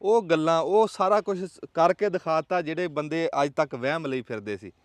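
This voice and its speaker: A man's voice: on the high side, moderate pace, no room sound. A man with a Pakistani Punjabi accent hosting a casual vlog in an emphatic, rhetorical, folksy storytelling way. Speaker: vlog host. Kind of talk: casual outdoor vlog talk.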